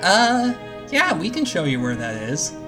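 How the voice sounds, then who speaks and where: A man's voice: high voice, huge pitch swings, bright, forceful tone, faint music behind, pitched above the performer's own voice, heavily acted. A man putting on a timid little forest fairy. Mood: hesitant friendly. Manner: hesitant, halting.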